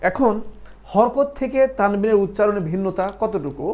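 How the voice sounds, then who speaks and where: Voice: mid-range voice, animated, normal speed, darkish tone. Patient teacher drilling by question and answer. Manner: asks questions and answers them, repeats for drilling; patient step-by-step explaining. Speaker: Quran recitation teacher. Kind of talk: online lesson.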